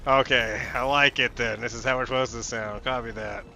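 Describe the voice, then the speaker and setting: A man playing a video game as a newcomer, chatting casually and blurting out excited reactions, his voice sounding as if inside a helmet. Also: mid-range voice, brisk, background noise. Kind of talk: casual gameplay chat and reactions. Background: game music, gunfire and explosions.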